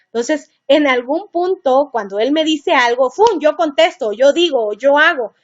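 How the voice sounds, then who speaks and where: A middle-aged woman with a high voice teaches parents in a seminar. She talks in a chatty, earnest way, addressing the listener directly, and the recording sounds dull and lo-fi. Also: expressive, a little slow.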